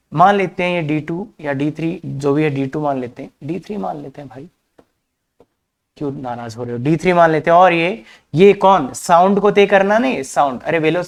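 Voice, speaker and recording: A man's voice: on the high side, moderate pace, creaky. A male maths teacher giving a classroom lecture. He talks in a chatty way, slips English terms into his speech and keeps calling his students kids. He throws out rhetorical questions as he works through each step. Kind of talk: classroom lecture on coordinate geometry.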